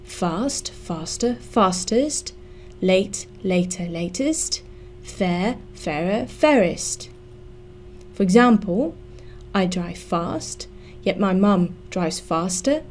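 A woman giving a scripted English grammar lesson, spelling out letters slowly and carefully. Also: medium pitch, animated, darkish tone, slight background noise.

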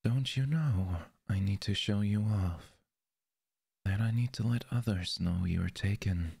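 Unhurried and close to the mic, a man acting as a possessive, jealous lover in an audio roleplay speaks softly and often whispers. His lowish voice has vocal fry and a breathy edge, heavily acted, with no echo.

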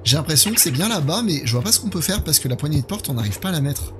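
A man's voice: on the high side, big pitch swings, rapid-fire, background noise. A man in his thirties giving casual live commentary on a horror game while chatting with his viewers. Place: indoor gaming setup.

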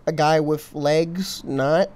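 A man's voice: on the high side, takes it slowly, darkish tone. A young man co-hosting a comedy podcast in casual chat, profane and teasing, who slips into mocking voices. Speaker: podcast co-host.

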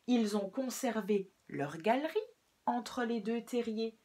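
A woman reads a children's story aloud in an unhurried, breathy voice. Her pitch rises and falls in a lively way, keeping young listeners hooked. She tells it gently and clearly.

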